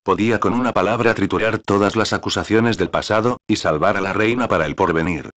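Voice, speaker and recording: A male audiobook narrator tells the story in an even, deliberate way. His voice sits very deep and low.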